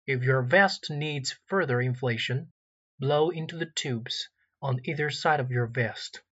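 A man reading recorded airline cabin announcements in a formal, measured way, pausing where details would be filled in. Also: mid-range voice, bright, forceful tone, breathy edge, dull audio. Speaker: in-flight announcer.

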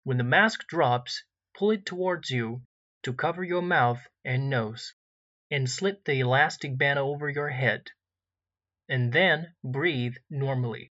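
A man delivers airline cabin announcements in a formal, measured, template-like way. His voice is bright and forceful. The recording sounds slightly dull and lo-fi. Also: medium pitch. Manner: formal, measured template reading with gaps for details. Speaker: in-flight announcer.

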